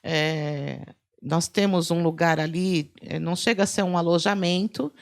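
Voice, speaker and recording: A middle-aged woman with a Brazilian Portuguese accent, a forensic photographer telling lively anecdotes in a podcast chat and acting out the dialogue. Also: lowish voice, measured pace, vocal fry. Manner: lively anecdotes, acts out quoted dialogue, laughs often. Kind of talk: animated storytelling in a podcast chat.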